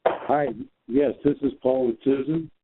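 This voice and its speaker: Give me a quiet man on a tinny conference call line. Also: mid-range voice, steady tone, measured pace, noisy background. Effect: heard over a conference call phone line. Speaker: meeting participant on the call. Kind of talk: casual conference call talk.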